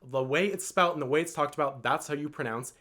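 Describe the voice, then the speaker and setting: A man's voice: a little high, quick pace, sharp tone. A man telling a long storytime vlog in an earnest, rambling way, full of "like" and "um". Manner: rambling and earnest, with many "like" and "um" fillers. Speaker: vlogger.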